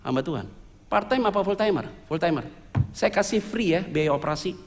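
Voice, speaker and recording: Male pastor, high-pitched, animated storyteller, church reverb. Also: brisk. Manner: lively storytelling with jokes, mixing Indonesian slang and English words. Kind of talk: sermon testimony. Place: church sanctuary.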